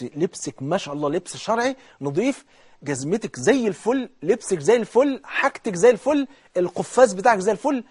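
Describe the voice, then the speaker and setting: A husky, raspy-edged Egyptian man gives a colloquial sermon at a rapid clip. His voice sits high for a man, and he keeps it lively, sliding from near-whispers to loud bursts as he voices the people in his examples. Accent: Egyptian Arabic. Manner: animated, swings between hushed and loud, acts out dialogue. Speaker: preacher.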